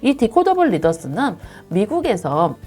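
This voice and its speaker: A woman's voice: mid-range voice, very animated, moderate pace, a little mellow, soft background music. A woman who directs an English academy, politely explaining teaching methods step by step to parents.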